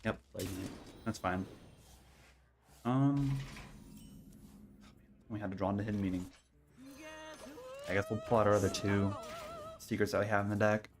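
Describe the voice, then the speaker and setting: Low-voiced man, casual gameplay commentary. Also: steady tone, normal speed, pauses often. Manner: low-key, thinking aloud. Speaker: streamer playing a card game. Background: faint game music.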